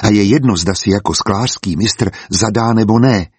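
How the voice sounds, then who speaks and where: A man narrating a storybook as an audiobook, in a calm and even way. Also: lowish voice, husky, no echo.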